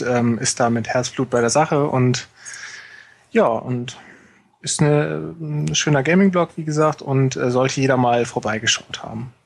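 A man's voice: medium pitch, gravelly, no echo. Joking man guesting on a podcast. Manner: joking, relaxed, hesitant with fillers. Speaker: podcast guest, gaming blogger. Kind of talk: casual podcast chat.

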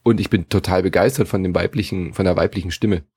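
A man on a gaming podcast, soft-spoken and eager in casual chat. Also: low voice, fast talker, breathy edge, dry recording, clean studio sound.

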